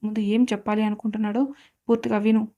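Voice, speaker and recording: A woman's voice: medium pitch, flat delivery, fast, warm tone, close to an everyday voice. A woman voicing a stern, angry older man in a storybook drama, harsh and commanding.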